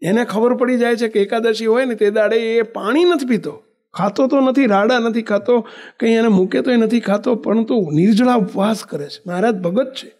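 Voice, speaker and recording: A man preaches in a high, lively register, narrating a devotional story. He voices the characters' lines himself and drops into slow, chanted verse. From western India. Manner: animated storyteller who acts out dialogue and chants verses. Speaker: religious preacher.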